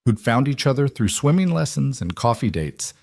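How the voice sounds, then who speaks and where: A man narrating a romance story in a calm, measured scripted storytelling voice. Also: mid-range voice, vocal fry, no echo.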